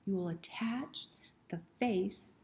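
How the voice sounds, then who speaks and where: Slow-paced and a little mellow, this mid-range female voice belongs to a library story time host in her fifties. She reads a picture book aloud to young children in a small indoor room, chatting with them and giving simple instructions and questions. There's a roomy echo and slight background noise.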